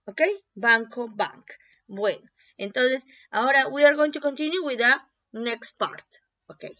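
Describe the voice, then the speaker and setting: A woman teaching a bilingual English lesson, repeating each word slowly and often checking with a quick "ok?". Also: sits high, bright, forceful tone. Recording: dull lo-fi recording.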